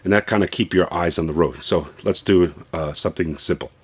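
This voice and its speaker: Deep-voiced male tech vlogger, easygoing explainer, talking through a gadget demo at home. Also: fairly quick, slightly rough. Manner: relaxed, explanatory, loosely rambling. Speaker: tech vlogger demonstrating a phone setup. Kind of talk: casual product demo. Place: home basement.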